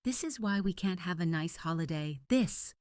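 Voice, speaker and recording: A woman's voice: fairly low pitch, expressive, moderate pace, darkish tone, dry recording, clean studio sound, voice pushed up, close to an everyday voice. A woman voicing a frazzled middle-aged mother who shrieks and wails about the ruined holiday dinner. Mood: shrieking.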